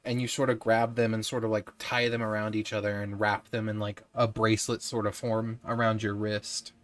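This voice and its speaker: A man's voice: fairly low pitch, little pitch movement, moderate pace, a bit bright. A man narrating as game master of a tabletop game, describing scenes in a descriptive, easygoing way.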